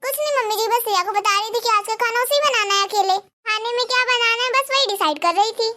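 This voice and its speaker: A woman's voice: very high voice, quick pace, sharp tone. A woman voicing a dutiful, sensible young elder daughter-in-law in a cartoon, answering in a polite, respectful way. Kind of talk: cartoon dubbing.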